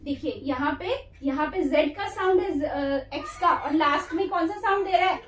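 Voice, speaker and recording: A woman teaching a phonics lesson who sounds each word out slowly and says it again and again, calling her students "beta". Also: very high voice, fairly bright tone. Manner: sounds words out slowly, repeating each one. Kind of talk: slow classroom phonics lesson. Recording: echoey room from far off.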